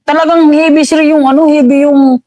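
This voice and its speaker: A man, an army veteran, recounting combat in a casual interview, halting and calling the host "sir" again and again. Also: very high-pitched, flat delivery, warm tone, no echo.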